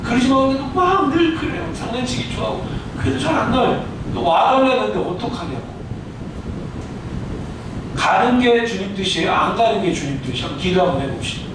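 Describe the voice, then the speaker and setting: A male pastor preaching a sermon. He asks the congregation questions, answers them himself, and tells a story that swings between loud and hushed. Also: very high voice, lively intonation, fairly quick. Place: church sanctuary. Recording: echoey hall, distant mic, loud noise.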